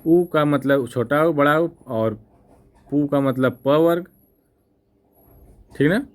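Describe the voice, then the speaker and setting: A male teacher giving an exam-prep lesson, explaining slowly and repeating himself, often checking "right?" with the class and correcting his own slips with an apology. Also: on the high side. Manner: slow, repetitive explaining with frequent "ठीक ना?" checks.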